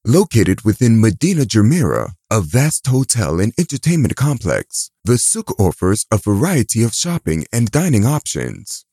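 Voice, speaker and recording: A man reading scripted audio guide narration in a polished, measured tourist-guide delivery. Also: on the low side, huge pitch swings, warm tone, breathy edge, no echo, clean studio sound.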